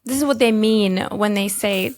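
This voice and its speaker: A woman hosting an interview, encouraging and quick to agree. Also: mid-range voice, darkish tone. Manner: encouraging, short agreeing replies. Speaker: podcast host. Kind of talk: casual interview chat.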